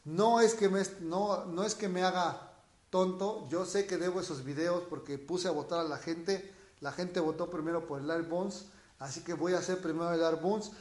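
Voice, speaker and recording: A Mexican man with a raspy, boozy-sounding voice, chatting informally as he explains things and answers viewers' questions. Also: high-pitched. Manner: informal, explanatory, frequently checking with the listener. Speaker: dog trainer hosting a question-and-answer livestream. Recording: echoey room.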